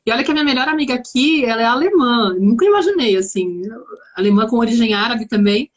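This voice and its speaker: Guest spot: a woman with a São Paulo accent, a bit high-pitched, thoughtful, keeps searching for words. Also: lively intonation, fast talker. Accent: São Paulo Brazilian Portuguese. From São Paulo, Brazil. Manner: reflective, searching for words with many restarts. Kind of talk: casual conversation.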